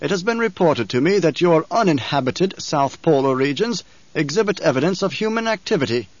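A man voicing a proud, menacing emperor who speaks in loud, commanding, sneering tones. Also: on the high side, expressive, a little fast, no room sound, pitched above the performer's own voice, lightly acted. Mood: scornful commanding. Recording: dull lo-fi audio.

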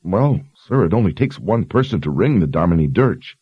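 A man's voice: low-pitched, sing-song, moderate pace, breathy edge, dry recording, dull audio, exaggerated voice. A man voicing a frightened, dutiful young woman sergeant who speaks earnestly and deferentially. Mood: anxious.

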